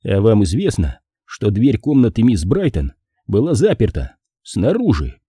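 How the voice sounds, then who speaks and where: Guy doing a sarcastic boozy detective, low warm husky voice, laid back and mocking. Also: sing-song, dry recording, exaggerated voice. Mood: dry mocking. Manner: dry, mocking, unhurried. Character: sardonic, hard-drinking male private detective.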